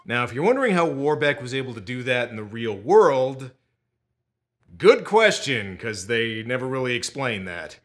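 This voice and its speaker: A man's voice: on the high side, fairly bright tone. A man giving scripted comedic commentary as a review host, with a sarcastic, wisecracking delivery.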